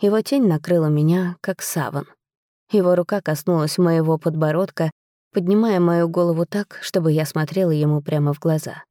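A woman narrating a first-person fantasy audiobook in a dramatic, measured storytelling manner. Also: fairly low pitch, warm tone, dry recording, clean studio sound.

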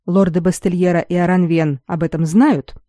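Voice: medium pitch, fairly even intonation, normal speed, mellow, no echo, studio quality, close to an everyday voice. A reader voicing a proud young male lord who speaks coldly and heavily in an audiobook. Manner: cold, clipped, heavy delivery. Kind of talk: audiobook character reading.

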